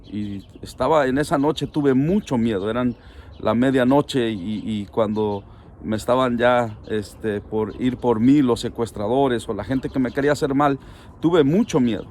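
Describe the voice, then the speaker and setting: Earnest pastor preaching. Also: male voice, medium pitch, unhurried, a little mellow, slight background noise. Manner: earnest, pleading, speaks directly to the listener with rising emphasis. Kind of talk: sermon.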